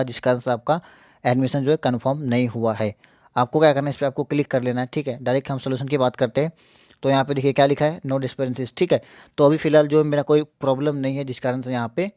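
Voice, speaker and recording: A man's voice: mid-range voice, a little mellow, no echo, studio quality. A young man hosting a casual screen-share tutorial, repeating points and reassuring viewers, slightly hampered by a mouth ulcer. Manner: repetitive, reassuring, keeps checking in with listeners. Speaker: YouTube tech channel host.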